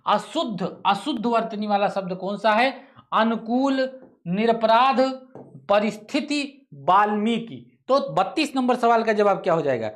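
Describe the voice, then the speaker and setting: A man's voice: sits high, animated, measured pace, fairly bright tone. A male teacher leading an online test-solving class, repeating each question, thinking aloud, correcting himself and tossing casual asides to students. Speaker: exam-prep teacher.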